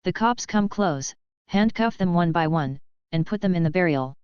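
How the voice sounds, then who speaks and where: A woman narrates an adult fiction audiobook with an even, steady reading. Her voice is very smooth and fairly low. The audio is dry and a bit dull. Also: moderate pace, no echo.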